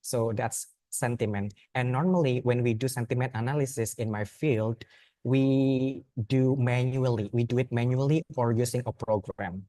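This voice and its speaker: A young man with an Indonesian accent, a native speaker of Indonesian, gives an informal presentation as a student speaker at a youth forum. His medium-pitched, mellow voice stays steady at a moderate pace with no room sound. He speaks earnestly and plainly, often restarting and repeating words.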